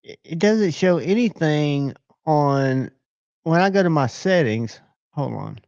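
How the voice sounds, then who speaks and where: A man's voice: on the high side, lively intonation, slow, gravelly, a little mellow, no room sound. Rambling man on a lo-fi live stream. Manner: rambling, talks to himself while checking screens. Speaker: livestream host. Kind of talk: casual live-stream chat.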